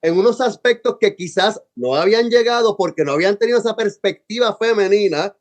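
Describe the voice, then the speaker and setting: A man's voice: high-pitched, a little fast. A man, co-hosting a casual panel chat and eagerly praising the guest. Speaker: co-host.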